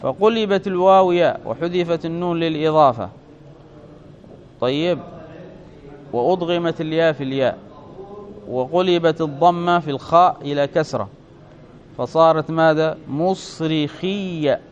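Guy teaching grammar in class, bit high voice, keeps checking students get it, muffled lo-fi recording. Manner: explains step by step, often checks with students; slows and stretches example words.

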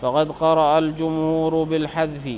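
A man teaching Arabic grammar, explaining a text line by line. He reads the quoted passages louder, slows down on examples and corrects his own slips. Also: on the high side, completely flat delivery, poor audio. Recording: faint background noise.

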